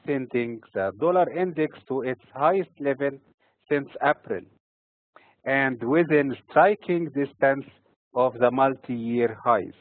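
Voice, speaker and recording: Formal market commentator, tinny sound. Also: male voice, mid-range voice, no room sound. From Egypt. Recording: tinny phone-like recording.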